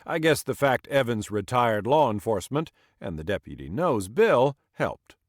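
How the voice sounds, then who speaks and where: A man's voice: medium pitch, very animated, moderate pace, dry recording, clean studio sound. A man narrating an audiobook in scripted style, voicing the dialogue with small shifts for each character.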